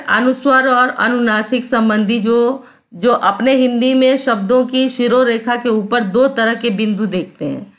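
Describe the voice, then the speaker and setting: A woman's voice: a little high, fairly bright tone. A woman teacher giving a grammar lesson, patient, repeating sounds and often checking that students understand.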